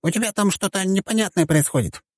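A man voicing a small, mischievous male deity who talks in a soft, familiar, whiny way, in an audiobook. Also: sits high, fast talker, no echo, clean studio sound, voice pushed up. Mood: chummy.

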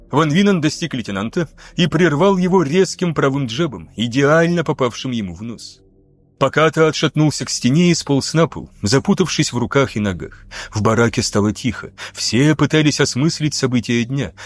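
A man narrating an audiobook in a steady, dramatic reading. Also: medium pitch, moderate pace, dry recording.

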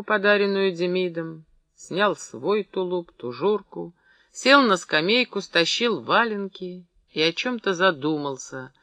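A man reading a novel aloud as audiobook narrator, measured and expressive. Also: sits high, dry recording.

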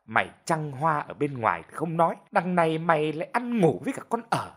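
A man voicing a sharp-tongued older village mother who berates her son in a shrill, rapid voice, in an audio story. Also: sing-song, husky, heavily acted. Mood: scolding.

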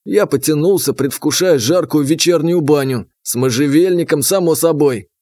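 A man's voice: fairly high pitch, normal speed, dark tone, dry recording. A man narrating an audiobook in the first person, dry and sardonic.

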